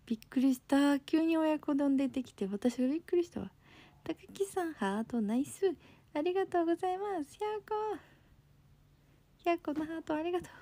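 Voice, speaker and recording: Animated and brisk, this young woman's voice is high-pitched and warm, captured in a dry recording. She's a bubbly, slightly sleepy livestream host with a Kansai accent who chats casually, reads comments, and frequently thanks her viewers.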